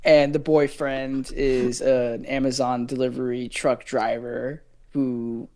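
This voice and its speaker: A man's voice: medium pitch, flat delivery, takes it slowly, a little mellow. Rambling young man with a mid voice. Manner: rambling, many fillers, slangy, swears freely. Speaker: guest reviewer. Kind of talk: casual movie review chat.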